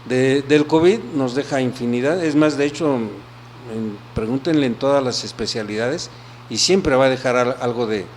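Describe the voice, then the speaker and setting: A man, an audiologist answering interview questions in an explanatory way, often checking in with a quick question. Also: mid-range voice, a little hiss or hum. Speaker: audiologist guest.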